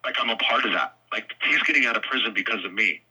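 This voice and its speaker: A man talks from a prison phone with a piercing, husky sound. He speaks candidly in a halting way, circling back and repeating words as he confesses. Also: fairly low pitch, lively intonation, pushed and bright. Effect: prison phone line. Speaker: interview guest calling from jail. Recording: harsh prison phone line, radio-like.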